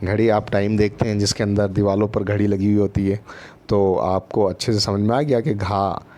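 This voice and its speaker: A primary school teacher with a lowish, warm voice and a flat delivery teaches first graders online at a moderate pace. He is patient and repetitive, checks in with his listeners often, and stretches out letter sounds.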